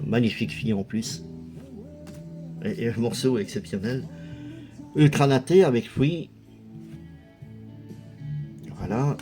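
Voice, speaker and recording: A man's voice: medium pitch, mellow. A man casually commenting as a video host, chatty and hesitant, with lots of fillers. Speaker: video host showing a music collection.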